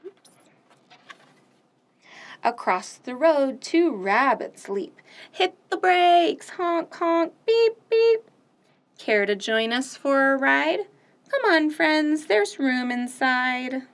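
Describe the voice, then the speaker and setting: A high-voiced woman hosts a children's storytime, drawing out her words and pausing often. She reads picture books and sings nursery songs animatedly in a sing-song style, with loud, playful sound effects.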